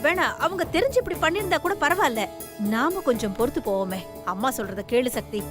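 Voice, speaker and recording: A woman's voice: sits high, lively intonation, a little fast. A middle-aged actress playing an anxious mother in a TV serial who pleads and tries to keep the peace. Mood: pleading. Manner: pleading, placating. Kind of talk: TV serial acting. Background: music.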